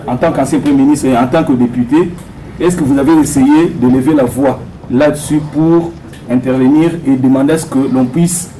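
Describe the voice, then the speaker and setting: A man's voice: mid-range voice, dark tone, a little hiss or hum, low-quality recording. A man from Congo, a soldier, putting pointed, insistent questions to a politician at a public meeting. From Democratic Republic of the Congo.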